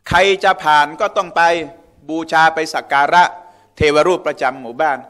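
Guy teaching at a mosque, kinda high voice, chatty, keeps asking the crowd stuff. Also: normal speed, fairly bright tone. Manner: conversational, asks the audience questions. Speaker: religious teacher. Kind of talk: mosque lecture.

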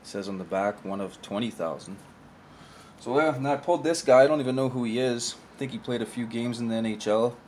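At home in a room with a shelf of collectibles, a young man casually shows off old collectible cards, talking offhand into a camera mic on the table and often trailing off. His medium-pitched voice is a little fast and a little mellow, with a slight hiss or hum.

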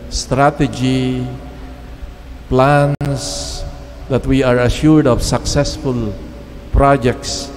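A middle-aged man preaching a homily at Mass, speaking in measured, halting phrases with pauses, into a lectern microphone. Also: mid-range voice, a little mellow, slight background noise. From Philippines. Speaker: priest. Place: church chapel. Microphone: standing mic at lectern. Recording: long church reverb, faint ambience.

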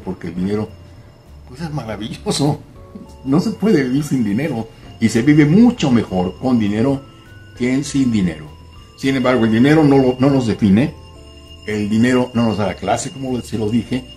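A man's voice: medium pitch, dark tone. An older man hosting a style channel, speaking to camera in a formal, emphatic manner, repeating points and addressing the viewer politely. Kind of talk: talking to camera, advice monologue. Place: home room by a window.

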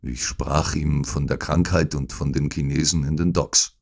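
Earnest, loyal doctor friend, read by a man in his own deep voice. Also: fairly even intonation, moderate pace, creaky, exaggerated voice. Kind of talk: audiobook acting.

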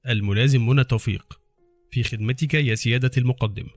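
A man voicing a calm, defiant young female intelligence officer in an audiobook, speaking in a hushed, level way. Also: mid-range voice, fast talker, no room sound, faint music behind, voice pushed down, natural voice.

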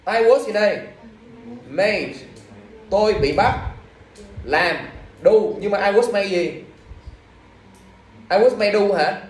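High-voiced male teacher. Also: slow pace, long pauses, a little hiss or hum. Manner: scolding, drilling questions at students. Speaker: English teacher. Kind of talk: classroom exam review lesson. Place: classroom. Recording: echoey room from far off.

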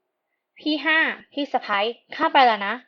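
A woman's voice: high voice, measured pace, dull audio, pitched above the performer's own voice. A woman voicing a cheeky young noble sister. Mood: pleading.

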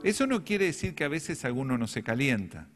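A man's voice: medium pitch, sing-song, a little fast, music in the background. A middle-aged man with a Rioplatense Spanish accent, preaching a sermon as a pastor and telling stories with self-deprecating humor.

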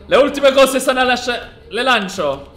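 A man's voice: very high-pitched, very animated, normal speed, a bit bright. A young man, speaking emphatically as a game streamer announcing an event. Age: young adult. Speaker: streamer hosting a game role-play event. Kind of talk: casual gaming stream chat with loud announcements. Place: small room at home. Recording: roomy sound with music behind.

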